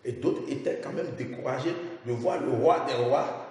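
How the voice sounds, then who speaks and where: A man talking as a guest on a religious talk show, lively and quick to repeat the host's words. He sits a little back from the mic, so his voice carries plenty of room echo and a long reverb tail. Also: medium pitch, recorded from a distance. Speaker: guest speaker on a religious program. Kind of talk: radio talk discussion.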